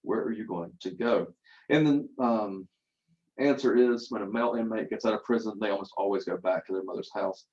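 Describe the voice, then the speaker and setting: A man's voice: lowish voice, fairly quick, darkish tone, dull audio. A man, a college instructor telling a story in a lecture, using rhetorical questions and dramatic repetition.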